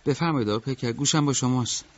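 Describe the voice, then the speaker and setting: A self-assured seventeen-year-old foreman, acted by a man in a radio drama. He speaks calmly, politely and firmly in a mid-range voice. The recording sounds dull and lo-fi. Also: medium pitch, close to an everyday voice. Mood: composed. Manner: calm, polite, firm. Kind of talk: audiobook radio drama acting.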